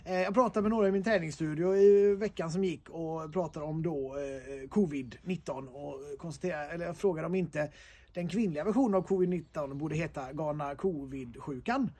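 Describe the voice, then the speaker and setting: A man's voice: fairly high pitch, darkish tone, slightly rough. A man telling jokes in a loose, half-improvised way, with lots of "eh" fillers, recorded outdoors. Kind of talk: casual joke-telling chat.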